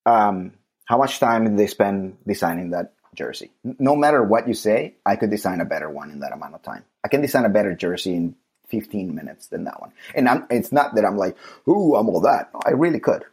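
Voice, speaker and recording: A man's voice: lowish voice, lively intonation, brisk, a little mellow, husky. A man co-hosting a casual podcast chat, talking emphatically and laughing easily. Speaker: podcast co-host.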